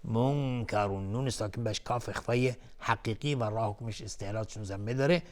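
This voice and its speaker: A man hosting a televised Quran recitation lesson, chanting each verse slowly and melodically, then calmly explaining the recitation rules word by word. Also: lowish voice. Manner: calm, methodical, repeats each word while explaining. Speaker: Quran recitation teacher and host.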